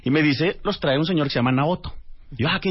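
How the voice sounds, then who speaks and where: A man, a radio guest telling a lively anecdote and acting out the dialogue. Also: a little high, fast talker, husky. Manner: animated storyteller acting out dialogue. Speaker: radio guest, author and translator. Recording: dull lo-fi radio audio.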